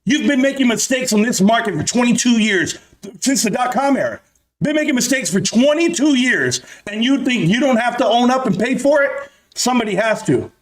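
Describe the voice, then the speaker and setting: A man with a notably high voice launches into an escalating comedic rant. He speaks as an online video commentator, addressing his targets directly. His delivery is combative and emphatic, full of taunts and swearing. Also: expressive, brisk, low-quality recording.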